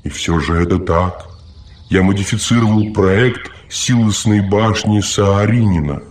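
Male reader playing a smothering robot caretaker, very low voice, preachy, audiobook. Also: measured pace, close to an everyday voice. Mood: fussy. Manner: solicitous, lecturing, talks too much. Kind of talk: audiobook reading.

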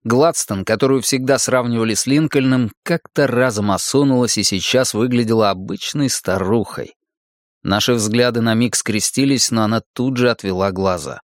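A man narrating a first-person audiobook in a measured, dramatic reading. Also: medium pitch, no room sound, clean studio sound.

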